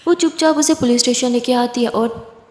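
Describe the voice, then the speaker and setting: A woman narrating a romantic drama story in a lively storytelling manner. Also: fairly high pitch, fairly quick. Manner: lively, clears throat often. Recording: echoey room with long reverb.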